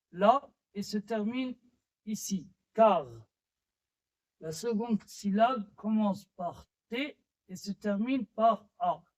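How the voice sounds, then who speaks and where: Male language teacher, high voice, halting and unhurried delivery with many fillers. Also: darkish tone, poor audio. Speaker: French teacher. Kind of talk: slow classroom-style lesson.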